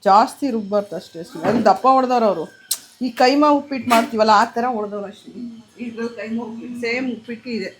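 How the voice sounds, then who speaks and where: A woman's voice: on the high side, slight background noise. A woman casually explaining how a dish is made at home. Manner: rapid explaining. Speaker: cook explaining the recipe.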